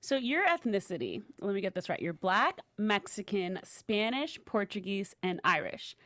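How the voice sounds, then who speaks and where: A woman's voice: mid-range voice, sing-song, moderate pace, a bit bright, dry recording, studio quality. A woman hosting an interview, putting prepared questions to a guest in a conversational way. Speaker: interview host.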